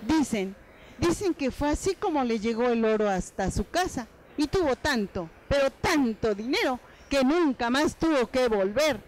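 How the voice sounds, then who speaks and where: Expressive woman telling a folk tale. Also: high-pitched, poor audio. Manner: expressive, slows down for dialogue and drawn-out words. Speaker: storyteller guest. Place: educational TV studio.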